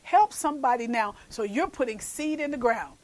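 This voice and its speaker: A woman's voice: fairly high pitch, animated, normal speed, rough recording. A woman host preaching an earnest message, repeating phrases and urging her listeners to act. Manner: calls listeners "baby". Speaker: show host and minister.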